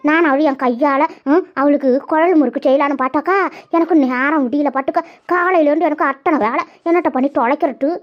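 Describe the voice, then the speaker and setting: A woman voicing a bossy middle-aged mother-in-law in a cartoon, fussing and scolding briskly. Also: high-pitched, close to an everyday voice. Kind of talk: cartoon voice acting. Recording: dull lo-fi audio.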